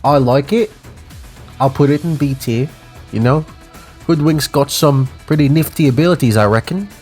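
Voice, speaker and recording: A man's voice: on the high side, normal speed, a little mellow, faint music behind, pitched above the performer's own voice, natural voice. A man putting on a jokey, exaggerated Kiwi-Australian twang with playful slang.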